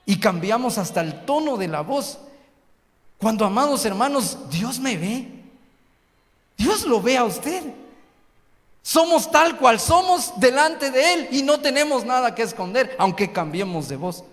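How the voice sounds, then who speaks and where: With an extremely high, sing-song voice and a fairly bright tone, a man preaches unhurriedly yet fervently as a missionary, asking his congregation rhetorical questions. The long echo of the church hall fills the recording.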